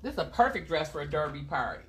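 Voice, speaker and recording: Lady selling dresses on a live stream, chatty, a bit low voice, faint hiss behind. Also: big pitch swings, quick pace. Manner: chatty, repeating item numbers and prices. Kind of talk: casual live-sale chat.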